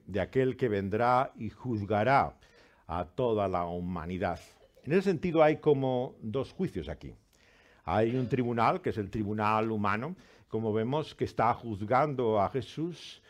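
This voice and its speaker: A man who reads a scripture passage with dramatic rises and falls, then preaches earnestly as pastor. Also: mid-range voice. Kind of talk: scripture reading and sermon.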